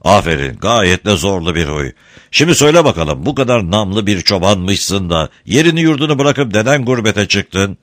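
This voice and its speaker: Bossy old-time gendarme captain, loud and commanding, as a narrator puts him on. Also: male voice, lowish voice, lively intonation, normal speed, no echo, clean studio sound. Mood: stern. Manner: barking, commanding. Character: gruff Ottoman gendarme captain, bossy, quick-tempered.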